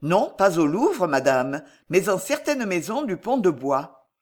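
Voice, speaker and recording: A woman's voice: lowish voice, very animated, a little slow. A woman reading a young male chevalier, courteous and reassuring, close to her own voice.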